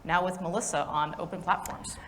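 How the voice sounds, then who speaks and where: A woman with a lowish, steady, slightly bright voice speaks fairly quickly as she hosts a conference breakfast, welcoming the audience in an upbeat, friendly way with fillers and restarts. As event host and facilitator, she is recorded with long hall reverb and slight background noise.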